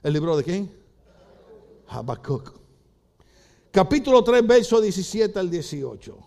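Puerto Rican pastor, older man, animated comic sermon, bright high voice full of swings. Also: unhurried, gravelly. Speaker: preacher. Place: church.

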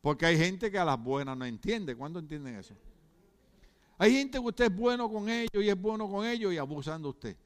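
Male pastor preaching animatedly, higher-pitched. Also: brisk, smooth. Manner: animated preaching, asks the congregation questions. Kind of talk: sermon. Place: church.

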